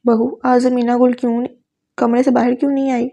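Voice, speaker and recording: Brief: a woman playing a worried elderly grandmother, even, low tone. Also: natural voice. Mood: concerned. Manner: questioning, concerned. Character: elderly grandmother, concerned, head of household.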